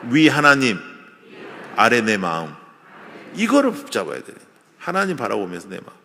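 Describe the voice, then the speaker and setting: A man preaching a revival sermon in a conversational, animated way, acting out little scenes for the congregation, recorded in a large church. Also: mid-range voice, normal speed, gravelly. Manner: lively, conversational preaching with acted-out asides. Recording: long church hall reverb.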